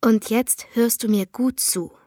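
Female reader doing a forceful, foul-mouthed but caring young friend; high-ish, dry. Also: fairly even intonation, measured pace, no echo. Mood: urgent. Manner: forceful, swears, pleading. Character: young woman friend, blunt, fierce, caring.

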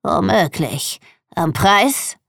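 A woman reading aloud, voicing a menacing male customer with a squeaky voice, speaking slowly. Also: sing-song, a bit bright, no room sound, studio quality, exaggerated voice. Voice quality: squeaky like a rusty hinge. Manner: slow, smooth, threatening. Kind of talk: storybook reading.

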